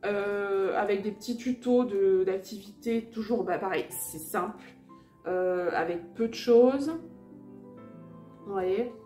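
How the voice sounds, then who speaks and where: A woman's voice: medium pitch, slow pace, dark tone, soft background music. A woman casually showing children's books at home beside a fireplace, hesitant, with many fillers and restarts. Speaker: vlogger and mother sharing children's books. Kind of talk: casual show-and-tell chat. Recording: roomy echo.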